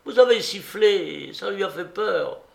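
A man's voice: high voice, animated, measured pace, vocal fry, pitched above the performer's own voice, exaggerated voice. A man voicing a fussy, fearful older commander who talks in an anxious, fretful way in a storybook reading. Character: fussy, fearful old commander, easily alarmed. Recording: roomy echo.

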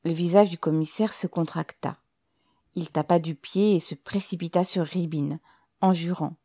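A woman narrating a novel in a measured, even storytelling manner. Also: fairly low pitch, no echo, studio quality. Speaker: audiobook narrator.

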